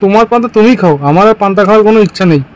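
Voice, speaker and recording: A man's voice: high-pitched, very fast, clean tone, low-quality recording. A man voicing a grumbling, fed-up village husband in a doll-story cartoon. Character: grumpy village husband sick of stale rice.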